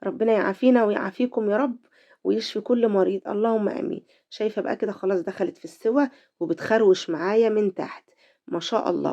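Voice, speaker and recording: A middle-aged Egyptian woman talks quickly through a home cooking tutorial, speaking straight to her viewers. Her tone is dark and mellow, and her voice is a little dulled by a cold. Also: mid-range voice. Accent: Egyptian Arabic. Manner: chatty, talks to viewers directly. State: voice affected by a cold. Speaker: cooking channel host.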